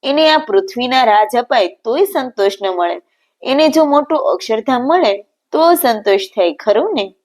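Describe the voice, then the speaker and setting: A woman voicing a calm, kindly male holy master in a narrated devotional story, read in a gentle, grave way. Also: a little high, measured pace, voice pushed up.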